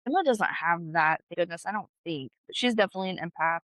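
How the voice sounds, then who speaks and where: Thirty-something woman on a podcast, swears a lot, tells stories all animated, dry close sound. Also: fairly low pitch, fast talker, no room sound. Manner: blunt, swears freely, animated storytelling. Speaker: podcast co-host. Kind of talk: casual chat.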